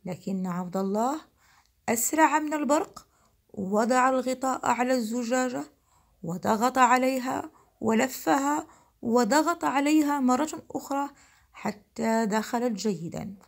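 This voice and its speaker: Expressive woman narrator for a children's tale, slightly high voice. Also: measured pace, vocal fry. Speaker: storyteller. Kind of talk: children's story reading.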